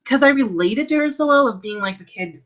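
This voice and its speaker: A woman's voice: fairly high pitch, animated, brisk, a bit bright, lo-fi sound. A woman in her thirties from Canada, co-hosting a casual book club live stream, chatty and rambling, with self-deprecating asides. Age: 30s.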